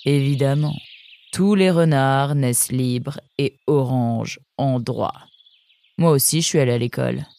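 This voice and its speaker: Woman playing a cool dry fox girl, low and mellow, totally unbothered, storybook. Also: measured pace, gravelly, exaggerated voice. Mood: matter-of-fact. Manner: calm, matter-of-fact, dry. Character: young female green fox, calm and dry.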